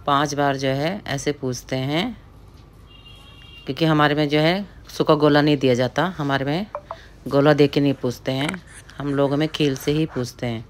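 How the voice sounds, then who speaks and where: A middle-aged woman from the Pahari hill region of India narrates a family ritual in a casual, chatty voice-over, often calling her viewers friends. Her voice is low-pitched at normal speed, with slight background noise.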